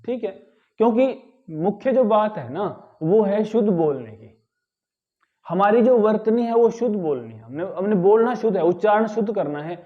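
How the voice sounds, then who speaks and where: A high-pitched man gives a grammar lesson, stretching out words one at a time to show how they should be said. He keeps asking whether his listeners have followed. The recording sounds slightly dull and lo-fi. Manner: repeats words slowly to correct pronunciation, asks "ठीक है?". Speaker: Hindi grammar teacher. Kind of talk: spoken lesson.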